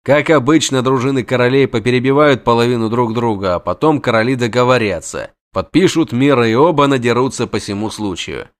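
A man voicing a calm, laconic male monster hunter who speaks flatly and without hurry. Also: lightly acted. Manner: flat, low, unhurried and dry.

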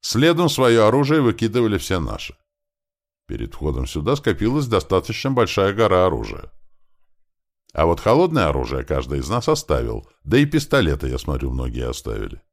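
Male audiobook narrator, very deep gravelly voice, slangy first-person telling, lively intonation. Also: a little fast.

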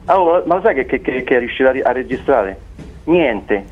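A man with a Roman Italian accent telling a casual anecdote in animated, colloquial, sweary style, repeating his words as he goes. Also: mid-range voice, a little fast, faint music behind. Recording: tinny, narrow phone-like line.

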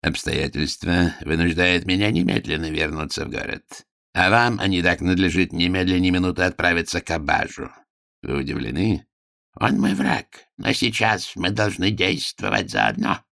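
Man playing a villainous court minister, menacing, low voice, gravelly. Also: lively intonation, normal speed, sharp tone, dry recording, clean studio sound, exaggerated voice. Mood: scheming. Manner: menacing, squeaking when enraged. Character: cruel, scheming male court minister, villain.

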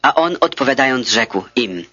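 A man reading scripture as a steady, formal audiobook narrator. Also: mid-range voice, normal speed, breathy edge, no echo. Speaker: scripture reader. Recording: dull lo-fi dry recording.

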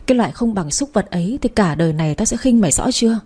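A woman's voice: mid-range voice, expressive, quick pace, slightly rough. A woman reading an enraged young mother. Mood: bitter, vengeful. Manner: shouting insults, bitter. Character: furious young mother fighting for her baby.

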